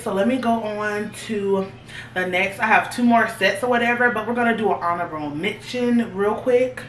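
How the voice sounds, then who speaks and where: Chatty and addressing viewers directly, a medium-pitched young woman in her 20s tries on clothes for a fashion haul as a vlogger. Slight hiss or hum is audible, the room echoes, and she's a bit far from the microphone.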